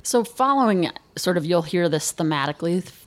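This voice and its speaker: A woman's voice: lowish voice, lively intonation, a little fast. A businesswoman with a Chicago accent, guest on an interview show, talking in an emphatic, candid, joking way. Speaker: agency chief executive, guest. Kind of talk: conversational interview.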